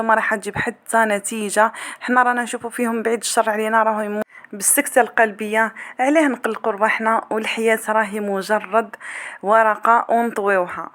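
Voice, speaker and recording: Fast-talking Algerian woman giving advice. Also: fairly high pitch, fairly bright tone. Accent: Algerian Arabic. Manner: affectionate, addresses listeners as darling. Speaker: relationship advice vlogger. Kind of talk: casual advice talk to women viewers.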